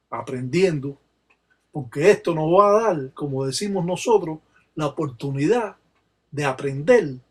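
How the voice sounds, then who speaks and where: A man with a Cuban accent giving a slow, measured, solemn explanation as a religious teacher. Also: fairly high pitch, a little mellow, slightly rough. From Cuba. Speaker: Palo Mayombe religious teacher.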